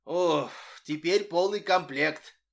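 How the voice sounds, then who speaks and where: A man voicing an excitable shouting schoolboy. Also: high-pitched, measured pace, voice pushed up, full character voice. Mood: excited. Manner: shouting, breathless boasting. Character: excitable bustling schoolboy, loud and bossy.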